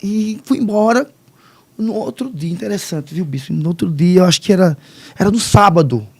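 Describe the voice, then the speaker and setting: Guy telling his testimony, kinda high voice, gravelly and husky, lots of stops and restarts. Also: expressive. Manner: halting, emotional storytelling with many restarts. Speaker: podcast guest. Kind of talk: personal testimony in casual conversation.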